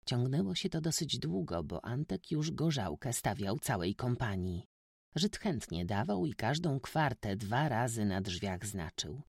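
A man reading a classic novel aloud as an audiobook narrator, in a steady, measured storytelling manner. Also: mid-range voice, creaky, breathy edge, no echo, clean studio sound.

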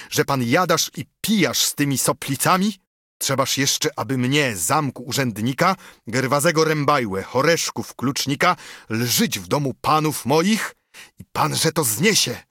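A man voicing a gruff, proud old castle keyholder who shouts back defiantly, with a slightly husky voice. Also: mid-range voice, lively intonation, a little slow, no room sound, studio quality, voice pushed up. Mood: indignant. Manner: loud, defiant, mocking retorts.

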